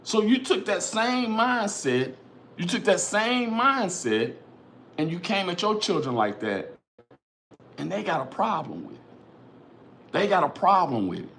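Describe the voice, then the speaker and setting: A man's voice: high voice, measured pace, pauses often, a little hiss or hum. A middle-aged man hosting a casual livestream, talking animatedly and profanely, reading viewers' comments aloud and repeating phrases like "you know what I'm saying.". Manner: animated, profane, rhetorical, keeps addressing chat viewers by name. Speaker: livestream host reading chat.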